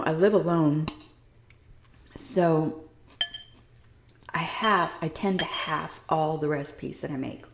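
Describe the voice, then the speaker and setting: A woman's voice: low voice, reverberant, slight background noise. A woman vlogger chatting casually to her viewers while eating in her home kitchen, savoring each bite. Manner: chatty, savoring food, talks between bites. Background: clinking dishes and cutlery.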